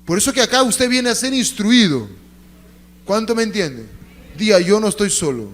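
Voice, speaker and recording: A man preaching a sermon as pastor, asking the congregation to repeat lines and swinging between loud emphatic calls and hushed storytelling. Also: high voice, very animated, moderate pace. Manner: call-and-response preaching, asks congregation to repeat. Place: church.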